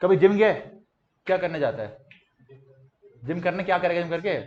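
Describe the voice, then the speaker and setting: High-voiced man teaching a lively class. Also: normal speed, roomy sound, highs cut off. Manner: lively, quizzing students in call-and-response drills. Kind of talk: classroom lecture. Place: classroom with students.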